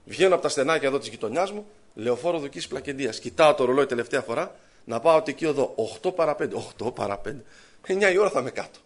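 A man's voice: mid-range voice, expressive. A man preaching a sermon, telling his own story and voicing his thoughts and prayers. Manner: rising fervent pleading in prayer.

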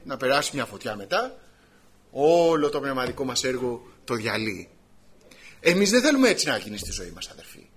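A man preaching a sermon, animated, swinging between loud emphasis and quiet asides. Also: mid-range voice, husky.

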